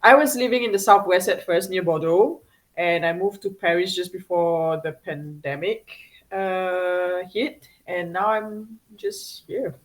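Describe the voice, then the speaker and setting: A woman from Singapore, with a lowish voice and an unhurried pace, chats loosely as a guest in a casual interview. She often restarts her sentences, piles up fillers and laughs a lot. The audio quality is poor.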